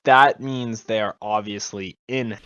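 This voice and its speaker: A young man co-hosting a podcast in casual, playful chat that is often halting. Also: on the low side, fairly even intonation, pushed and bright, clear, resonant tone, dry recording. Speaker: podcast co-host. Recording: dull lo-fi recording.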